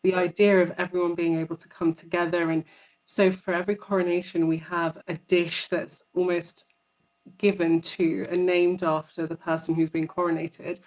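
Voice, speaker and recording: A woman's voice: fairly low pitch, level tone, normal speed, darkish tone, poor audio. A woman, a psychologist guest chatting in an interview and telling stories, often repeating words for emphasis. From London, England. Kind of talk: casual interview conversation.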